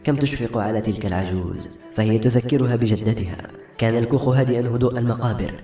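A man narrating a fantasy novel as an audiobook in a steady storytelling manner. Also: medium pitch, quick pace. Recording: roomy echo with soft music.

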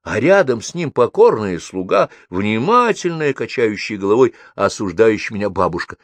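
A man narrating a first-person story as an audiobook reader, in a lively, expressive reading. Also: moderate pace, no echo. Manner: lively, expressive reading with wide pitch swings.

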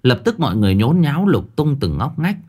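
A man narrating a ghost story in an expressive storytelling manner. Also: medium pitch, brisk, breathy edge.

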